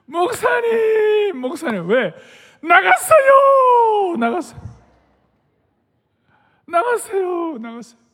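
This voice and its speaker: A man's voice: medium pitch, expressive, normal speed, darkish tone, slightly rough. An older man voicing a panicked young youth minister who pleads and cries out in alarm. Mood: frantic shouting. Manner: urgent, pleading, crying out. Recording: long reverb of a big hall.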